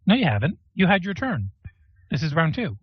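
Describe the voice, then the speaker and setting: A man's voice: a little high, wildly swooping pitch, slightly rough, dry recording. A man narrates as game master, explaining rules and stopping often to check the book. His voice comes through dull and lo-fi, and the recording is dry with no room sound. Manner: explains rules while looking them up, many pauses. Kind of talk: running a tabletop game over voice chat.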